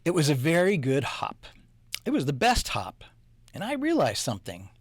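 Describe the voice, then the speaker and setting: A man narrating a children's storybook in a playful, animated way. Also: a little high, normal speed. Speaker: storybook reader.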